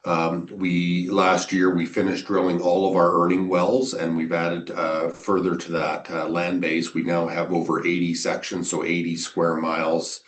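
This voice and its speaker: Low, even-toned executive on a conference call. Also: male voice, measured pace, few pauses. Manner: businesslike, steady, with a few fillers. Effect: conference call audio. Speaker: company executive. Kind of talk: earnings call presentation. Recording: roomy conference call audio.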